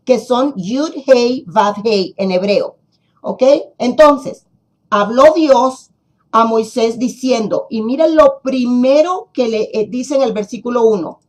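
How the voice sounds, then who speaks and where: A woman teaching a Bible lesson to her congregation, slow and deliberate, repeating and stressing key words. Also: fairly high pitch.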